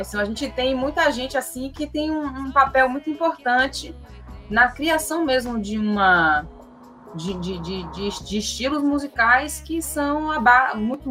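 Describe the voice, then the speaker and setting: Woman, musician guest, thoughtful and halting, faint music underneath. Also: on the high side, bright, forceful tone. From Salvador, Bahia, Brazil. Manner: halting, many repeated words and restarts. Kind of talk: reflective interview talk.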